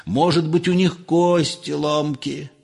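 A man's voice: on the high side, animated, unhurried, breathy edge, soft background music. A man doing an irritable, scornful old professor. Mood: ranting. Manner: snapping, exasperated.

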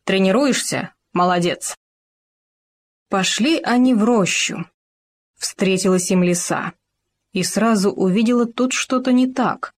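A woman narrating an animal fairy tale in a measured, expressive storytelling style. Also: medium pitch.

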